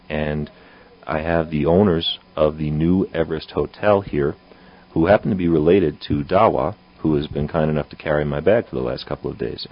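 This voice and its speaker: A man's voice: extremely low pitch, lo-fi sound. A man interviewing lodge owners on a trek, friendly and hesitant with many fillers and restarts. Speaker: traveling interviewer. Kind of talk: casual field interview. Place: mountain lodge.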